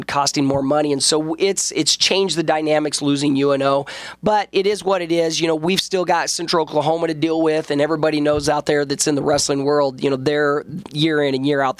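A man's voice: on the high side, no echo. A man, a college wrestling coach, talking earnestly in a radio interview. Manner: earnest, with restarts.

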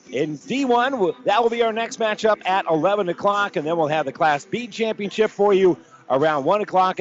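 Male pregame host, high-pitched, projecting like an upbeat morning show host, on a slightly muffled live radio feed. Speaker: sports radio host and play-by-play broadcaster. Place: basketball arena broadcast position. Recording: dull, band-limited live radio broadcast.

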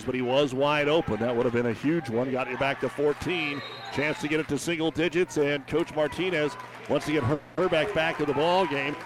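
Excited high-voiced basketball radio announcer. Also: male voice. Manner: rapid, excited calls that rise on big plays. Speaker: play-by-play announcer.

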